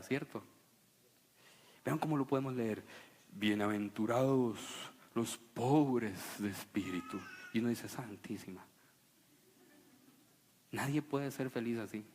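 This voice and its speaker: A man preaching a sermon to a congregation, animated and playful, sometimes mocking a solemn preaching voice. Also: high voice. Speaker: pastor. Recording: long reverb of a church hall.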